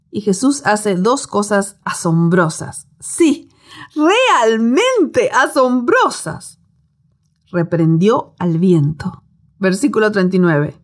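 A woman giving a devotional Bible teaching, telling it as a dramatic story with rhetorical questions. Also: on the high side.

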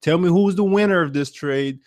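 Slangy podcast co-host guy, animated and jokey, dry sound, no room. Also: on the high side, normal speed, no echo. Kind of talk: casual chat about sports.

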